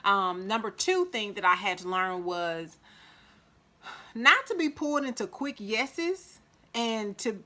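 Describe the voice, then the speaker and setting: A woman with a Mississippi accent giving casual life advice to the camera, chatty, acting out quoted voices with big jumps in pitch. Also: lively intonation, slow, sharp tone. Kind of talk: casual motivational talk to camera.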